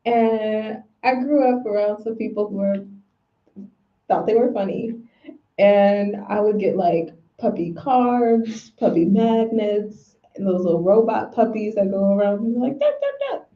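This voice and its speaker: A woman's voice: medium pitch, fairly even intonation, measured pace. Woman, casual spiritual chat, candid storytelling, slang, roomy echo, dull lo-fi sound.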